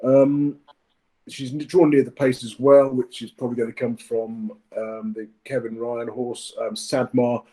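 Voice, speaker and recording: A man's voice: mid-range voice, flat delivery, unhurried, dark tone, rough recording. A man giving his horse racing tips in a casual chat, often hesitating with fillers and restarts. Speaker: racing tipster.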